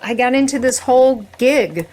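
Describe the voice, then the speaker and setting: A middle-aged woman talks casually as a podcast guest. Her voice sits a little high, and she tells her stories animatedly, restarting sentences as she goes. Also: lively intonation, normal speed, darkish tone.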